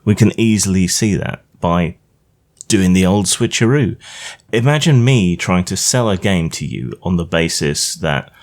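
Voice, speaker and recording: Deep voiced middle aged guy doing a grumpy old man rant, sweary and scornful. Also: expressive, measured pace. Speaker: game designer, commentator. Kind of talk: opinionated rant monologue.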